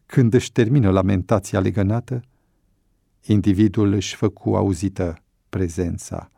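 A male narrator reading a novel aloud with measured, unhurried delivery. His voice is low, gravelly and mellow. The recording is dry and close. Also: fairly even intonation, no room sound. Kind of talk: audiobook narration.

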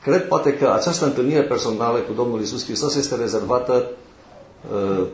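A man delivers a sermon in a church, taking his points one by one with pauses between phrases. His voice sits at a middle pitch. The room around him rings with a noticeable echo. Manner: measured, teaching through numbered points with pauses. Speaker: preacher.

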